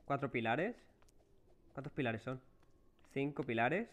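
A man's voice: mid-range voice, lively intonation, measured pace. A man with a Spain Spanish accent streaming a horror game live, chatting with viewers and cursing when he gets startled. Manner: jumpy, curses and groans when startled. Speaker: livestreaming gamer.

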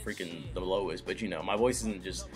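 Brisk and a little mellow, a young man's somewhat low voice guides viewers through a casual screen-recorded YouTube tutorial in a joking, relaxed style. The built-in computer mic picks him up in a small room at home, with faint background music.

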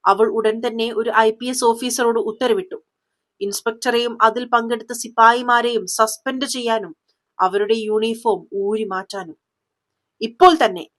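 A woman narrating a dramatic story in a scripted, even-paced reading. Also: fairly high pitch, unhurried.

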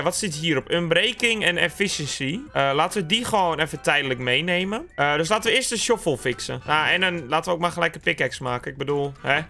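A man's voice: fairly high pitch, creaky, pushed and bright. A young man casually commenting on his own gameplay, chatting to his viewers as he builds. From Netherlands. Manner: chatty, talks to viewers as "jongens". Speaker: gaming YouTuber.

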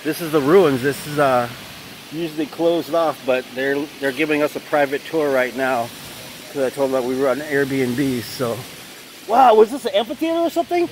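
A man filming a walking tour vlog on a phone outdoors, excited and exclaiming often. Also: fairly high pitch, moderate pace, background noise. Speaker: travel vlogger. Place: outdoors at ruins by a waterfall.

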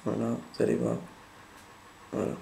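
A man hosting a casual tech tutorial, giving patient step-by-step instructions and often pausing to show what happens. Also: dark tone, slight background noise. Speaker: tutorial host.

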